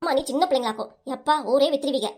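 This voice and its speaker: A woman's voice: sits high, very fast, natural voice. Woman voicing a nagging angry mom. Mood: scolding. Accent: southern Tamil. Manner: nagging, scolding. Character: short-tempered scolding young mother.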